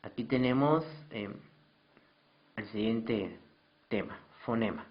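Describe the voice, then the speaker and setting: A man's voice: on the low side, takes it slowly, dull audio. A man teaching a recorded slideshow lesson, patiently repeating definitions and asking his students questions.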